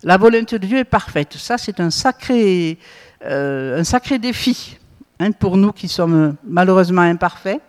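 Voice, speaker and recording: A woman's voice: on the low side, lively intonation, measured pace, a little mellow. A woman leading a group Bible study, quizzing listeners and tagging her points with little questions. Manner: asks the group questions, frequent tag "hein?" and "hmm?". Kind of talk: interactive Bible teaching. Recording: long reverb in a hall.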